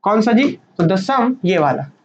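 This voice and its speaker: A woman's voice: medium pitch, very animated, unhurried. A woman teaching a maths lecture, patient and repeating each point, mixing English terms into her talk. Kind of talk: classroom lecture. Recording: dull lo-fi sound with faint noise.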